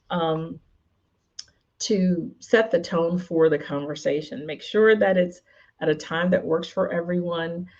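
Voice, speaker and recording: A woman's voice: lowish voice, darkish tone, lo-fi sound. A woman hosting her own show as a communication coach, giving conversational advice with frequent fillers and restarts. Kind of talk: spoken advice talk to the viewer.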